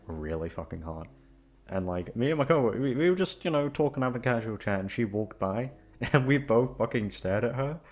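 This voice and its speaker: Over guitar music, a young audio channel host rambles informally to his listeners, swearing as he chats. He has a fairly low-pitched, darkish voice.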